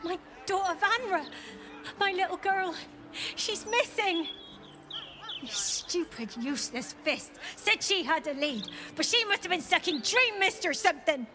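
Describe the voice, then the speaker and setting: A woman's voice: very high-pitched, sing-song, measured pace, background noise, heavily acted. An actress playing a frantic mother who is distraught and exasperated, searching for her missing daughter. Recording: game audio with clear music.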